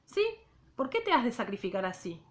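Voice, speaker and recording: A woman's voice: medium pitch, big pitch swings, fairly quick, lightly acted. A woman reading the part of an insistent young man aloud from a novel. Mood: urgent.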